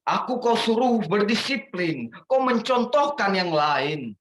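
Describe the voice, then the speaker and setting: A man reciting a protest poem dramatically, rising to shouts on the refrains. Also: high-pitched, sing-song, takes it slowly. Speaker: guest poetry reader. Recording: echoey room with faint noise.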